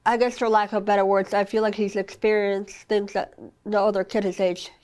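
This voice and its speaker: A young woman with a mid-range, slightly mellow, clean voice talks a little fast in a flat way. She's a guest on a podcast, a mother of a child with a rare condition, speaking earnestly and filling her talk with "I mean" and "you know." Still recovering from an illness, she coughs now and then.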